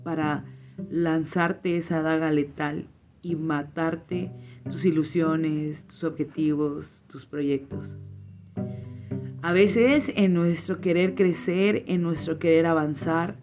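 A woman's voice: deep voice, fairly even intonation, slow pace. Earnest woman podcasting over guitar. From Chiapas, Mexico. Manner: earnest, grateful, reflective. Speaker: podcast host. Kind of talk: heartfelt podcast monologue and fable telling. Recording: slightly muffled, faint guitar music.

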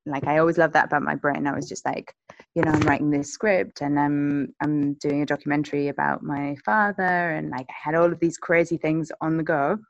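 An actress chatting casually as a guest, rambling with many fillers and restarts. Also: female voice, on the low side, no room sound, lo-fi sound. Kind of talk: casual conversation.

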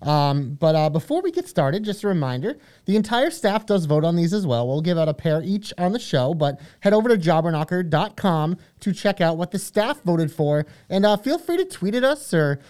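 A man's voice: high voice, very animated, normal speed, hardly any pauses, a little mellow, clear, resonant tone. A man co-hosting a podcast in a casual style, talking with an emphatic fan's enthusiasm. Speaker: podcast co-host. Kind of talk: casual fan discussion.

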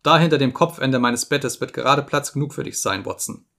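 A man reading an audiobook, voicing a gravely ill detective who speaks weakly but gives urgent orders. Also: medium pitch, fairly quick, a bit bright, lightly acted. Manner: urgent, insistent, giving orders. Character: sick feverish detective, weak but commanding.

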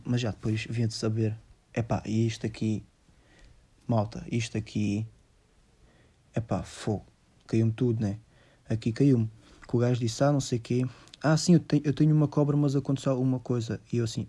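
A man's voice: mid-range voice, dark tone. A young man with a Lisbon Portuguese accent tells a rambling story to his audience in casual slang, dropping in English words. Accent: European Portuguese, Lisbon. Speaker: vlogger telling a personal story.

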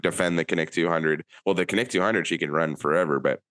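A man's voice: low voice, steady tone, fast, a bit bright, no room sound, clean studio sound. A man co-hosting a casual podcast, talking in an easygoing, chatty way. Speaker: podcast co-host. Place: Anchorage.

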